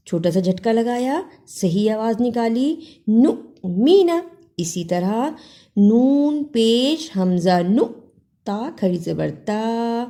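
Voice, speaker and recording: A woman leads a Quran recitation lesson. Her voice sits a little high but sounds mellow and soft. She chants verses slowly and spells out each letter, then explains the rules in quick bursts. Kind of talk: tajweed lesson with slow recitation.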